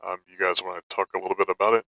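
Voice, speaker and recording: A man hosting a casual online community call, relaxed and pausing often with fillers. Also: deep voice, dry recording, rough recording. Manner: relaxed, with many filler pauses. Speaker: host.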